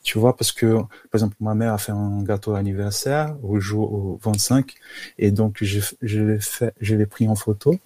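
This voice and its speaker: A man from Brazil with a Brazilian accent, speaking French as a guest in a casual interview, halting with many restarts. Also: lowish voice, fairly even intonation, dark tone. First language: Portuguese. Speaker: guest, amateur photographer.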